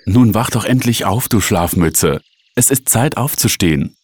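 A man voicing an eager, bossy young girl in a read-aloud storybook, raising his deep voice and sounding urgent. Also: expressive, fairly quick, darkish tone, slightly rough, no room sound.

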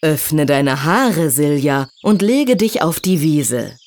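A woman doing a gentle forest elf. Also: low voice, expressive, takes it slowly, slight background noise.

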